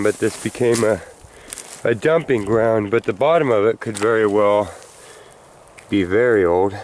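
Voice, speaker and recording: Man, slow unhurried delivery, handheld camera outdoors, winded explorer. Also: fairly low pitch, darkish tone, slight background noise. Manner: rambling, thinking aloud while climbing. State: out of breath. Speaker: explorer vlogger. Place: outdoors on a rural hillside. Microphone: handheld camera mic.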